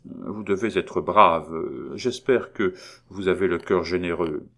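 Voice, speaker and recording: A haunted nobleman pours out a confession, stumbling over his words and circling back on himself, as a man reading the book gives him voice. The voice sits very low and deep. Audiobook reading. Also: a bit bright, full character voice. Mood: grave. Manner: halting, agitated confession with restarts. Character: guilt-haunted aristocratic count, middle-aged man.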